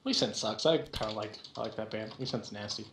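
A man's voice: fairly low pitch, fairly quick, gravelly, a bit bright, a little hiss or hum. A man chatting casually with his gaming team as they plan their picks. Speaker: team player planning champion picks. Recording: roomy, echoey voice-chat sound.

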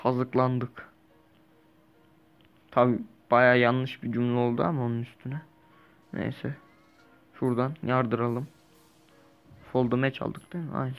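A young man casually commenting while he plays a survival game, rambling, correcting himself and breaking into lively bursts. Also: mid-range voice, measured pace, long pauses, clear, resonant tone, highs cut off, faint music behind. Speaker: gaming YouTuber. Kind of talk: casual let's-play commentary.

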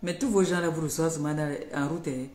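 Talking fast in a deep, slightly mellow voice, a woman rants at her live-stream followers, making threats and hammering the same warnings repeatedly in a confrontational way. Faint noise and an echoey room come through in the recording.

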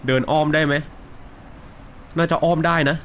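A young man doing casual let's play commentary on a horror game, joking and swearing coarsely, with loud yelps when startled. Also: a little high, steady tone, normal speed, slight background noise. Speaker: gaming streamer.

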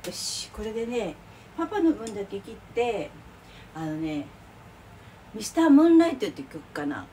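A woman's voice: mid-range voice, big pitch swings, normal speed, long pauses, warm tone. A middle-aged woman chatting away while she cooks lunch boxes in her home kitchen, rambling, exclaiming and laughing as she works. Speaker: vlogger cooking lunch boxes. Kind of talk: casual chat while cooking. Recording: distant mic, clear kitchen noise.

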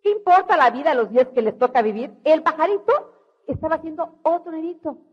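High-voiced Mexican woman telling stories. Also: a little fast. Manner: animated, acts out quoted voices. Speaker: motivational speaker. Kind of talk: motivational storytelling talk. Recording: dull lo-fi recording.

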